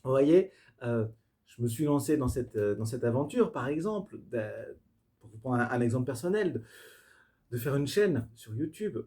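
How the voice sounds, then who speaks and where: A man giving an improvised tarot reading to camera, effusive and spiritual, speaking straight to his viewers and often pausing to search for words with fillers and restarts. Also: mid-range voice, animated, dark tone. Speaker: tarot reader.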